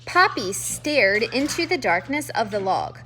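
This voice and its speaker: A woman reading a children's novel aloud in a measured, expressive way. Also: on the high side, faint music behind. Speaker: reader. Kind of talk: storybook read-aloud.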